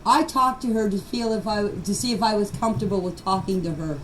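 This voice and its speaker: In noisy amateur voice-message clips, an older woman with a mid-range voice talks a little fast. She gives an unscripted personal account, emphatic and defensive, repeating phrases to drive her point home.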